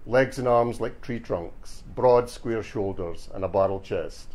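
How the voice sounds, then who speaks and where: A man's voice: lowish voice, unhurried, darkish tone. A man from Glasgow with a Scottish accent, reading from his crime novel and talking dryly at a bookshop launch. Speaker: author. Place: bookshop event.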